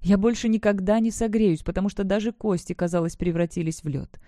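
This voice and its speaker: Expressive audiobook reader, mellow and dry. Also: medium pitch, brisk, no echo. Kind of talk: first-person novel narration.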